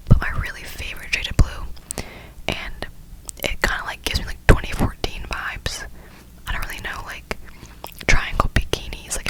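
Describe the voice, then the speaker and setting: A young adult woman speaking in a breathy, unvoiced whisper, rambling casually in slangy ASMR style. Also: rough recording. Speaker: ASMR creator.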